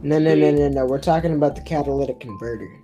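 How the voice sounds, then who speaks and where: A woman player trading excited jokes at a tabletop game. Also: deep voice, fast talker, faint music behind. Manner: excitable, jokey, shouts in excitement. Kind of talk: casual game banter.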